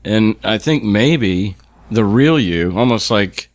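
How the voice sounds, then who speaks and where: A man's voice: on the low side, lively intonation, slow pace, no room sound. A middle-aged man hosting a podcast interview, casually talking and often restarting his sentences. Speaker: podcast host.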